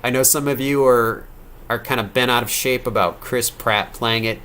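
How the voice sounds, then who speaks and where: A man's voice: mid-range voice, fairly even intonation, normal speed, bright, forceful tone, smooth. A man in his thirties, a game developer on a casual live-stream Q&A, answering viewer questions late at night, rambling and correcting himself as he goes. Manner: rambling, self-correcting, reads donor questions aloud.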